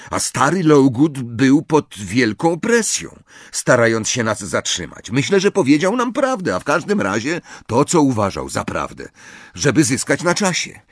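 A man's voice: medium pitch, no room sound, clean studio sound, pitched above the performer's own voice. A man reading an audiobook, voicing a blunt, cheeky teenage boy wizard in a slightly raised, offhand voice.

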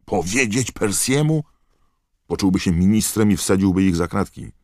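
A man voicing an excitable teenage boy wizard who talks fast and gets indignant. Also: very deep voice, no room sound, clean studio sound, heavily acted. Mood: agitated.

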